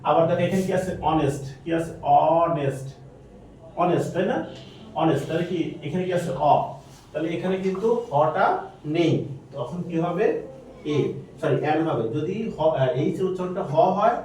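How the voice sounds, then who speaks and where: A man's voice: a little high, normal speed, a little mellow, far from the mic, a little hiss or hum. A male teacher, quizzing his students with repeated questions during a grammar lesson. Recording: very echoey room, voice from afar.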